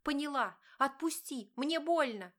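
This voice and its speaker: A woman voicing a gentle young wife who sounds indignant and scared. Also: medium pitch, lively intonation, moderate pace, close to an everyday voice. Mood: crying out. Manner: pleading, indignant.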